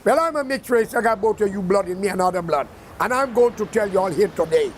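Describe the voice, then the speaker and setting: A man with a Guyanese accent delivers a seated political monologue in a high, strained register. He talks bluntly and heatedly, throwing in curses as he goes. A faint low rumble sits behind his voice. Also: lively intonation, fairly quick. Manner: blunt, heated and profane ranting. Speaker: political commentator. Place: seated indoors.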